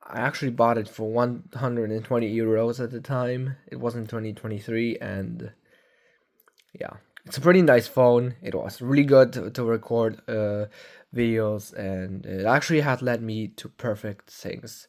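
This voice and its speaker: Young male vlogger, late teens, mid-pitched voice, halting and rambling delivery full of fillers. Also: fairly even intonation, darkish tone. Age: young adult. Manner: rambling, halting, many fillers and self-corrections. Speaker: tech vlogger. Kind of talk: casual phone review. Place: at home.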